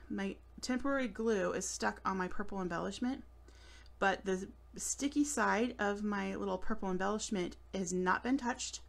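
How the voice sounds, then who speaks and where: A woman in her late thirties does a live craft demonstration at a table, recorded by an overhead camera. She's chatty and giggly, tossing in self-deprecating remarks. Her mid-range voice is a bit bright with some creak.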